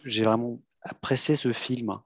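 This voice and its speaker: A man reviewing a film in a casual chat, measured and hesitant with many fillers. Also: medium pitch, steady tone, slightly rough, no room sound, studio quality. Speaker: film critic.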